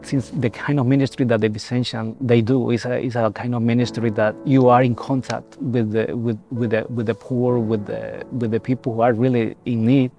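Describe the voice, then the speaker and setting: A young man from El Salvador gives a reflective personal testimony as a seminarian, speaking haltingly with many repeated words and restarts. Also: mid-range voice, little pitch movement. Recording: soft music behind.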